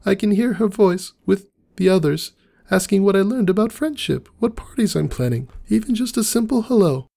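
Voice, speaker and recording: Guy doing a teary pink pony girl, way up high falsetto, gravelly and dark, pleading. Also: lively intonation, moderate pace, full character voice. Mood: tearful. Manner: tearful, pleading. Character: grieving young female pink pony, hearing voices. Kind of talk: fan fiction dramatic reading.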